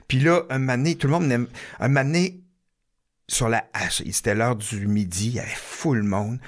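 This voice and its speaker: Animated Québécois man telling a story. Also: medium pitch, moderate pace. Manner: animated, swears often, acts out his own story. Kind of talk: casual podcast chat.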